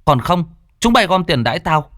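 A man's voice: a little high, sing-song, brisk, fairly bright tone, no echo, studio quality, pitched above the performer's own voice. A man voicing a boastful fifteen-year-old village boy making a brash bet with his friends. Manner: bragging, brash.

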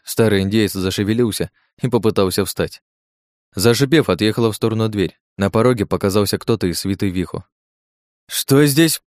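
A man with a fairly low voice reads a first-person action story in a tense, gritty style. The studio sound is dry and close, with no room at all. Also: darkish tone, dry recording. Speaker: audiobook narrator. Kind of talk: first-person scripted narration.

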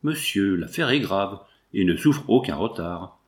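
A man voicing a pompous, self-important gentleman who protests in stiff, formal speech. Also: low voice, animated, unhurried. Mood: insistent.

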